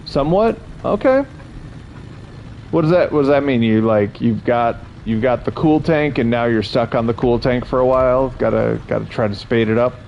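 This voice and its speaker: A man's voice: medium pitch, moderate pace, creaky. A young man chatting casually with his stream chat while playing, rambling and amused at himself. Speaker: gaming streamer. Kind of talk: casual gameplay commentary. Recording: slightly dull, faint game noise.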